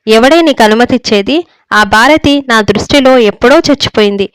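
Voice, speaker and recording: A woman's voice: fairly high pitch, fairly quick, a little hiss or hum, lightly acted. Furious domineering old father, as a woman reads him. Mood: angry. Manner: shouting, harsh and scolding. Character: stern, domineering older father, quick to rage. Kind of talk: storybook reading.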